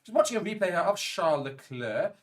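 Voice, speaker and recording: Male co-host for a live race watchalong, rapid delivery, slightly higher voice, briskly calls times. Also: expressive. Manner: brisk, reads out viewer chat comments. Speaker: co-host and F1 commentator.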